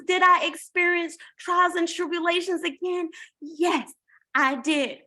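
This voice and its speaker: A woman's voice: high voice, bright, forceful tone. A woman giving a motivational testimony, preacherly, asking questions and answering them herself. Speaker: guest speaker.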